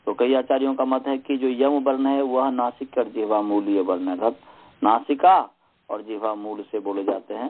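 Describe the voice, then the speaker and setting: A man teaching a Sanskrit grammar lesson, patient and slow, repeating sounds to drill pronunciation. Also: lowish voice, breathy edge. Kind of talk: slow online lesson with chanting. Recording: tinny phone-line audio.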